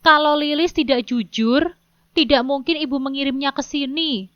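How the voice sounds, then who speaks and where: A woman's voice: high-pitched, moderate pace, a bit bright, no room sound. A woman voicing a defensive husband in a wheelchair, questioning his wife in a storybook drama. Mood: reproachful. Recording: dull lo-fi dry sound.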